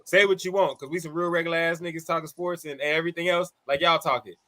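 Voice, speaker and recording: A man's voice: a little high, steady tone, quick pace, pushed and bright. A man co-hosting a casual podcast, loose and profane, cutting in over the others. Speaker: podcast co-host. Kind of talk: casual sports podcast chat.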